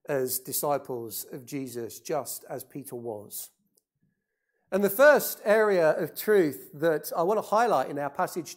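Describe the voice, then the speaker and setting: A preacher delivers a sermon at an unhurried, measured pace. The speaker dwells on key phrases and says them twice for weight. Questions are put to the listeners without waiting for answers. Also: mid-range voice, darkish tone. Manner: deliberate, repeats key phrases for emphasis; asks the congregation rhetorical questions.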